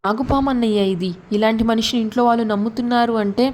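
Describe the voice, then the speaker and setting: Brief: woman voicing an enraged young mother, slightly high, scolding. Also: fairly even intonation, darkish tone, slight background noise, lightly acted. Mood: angry. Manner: scolding, rapid accusations. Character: furious young mother fiercely guarding her baby.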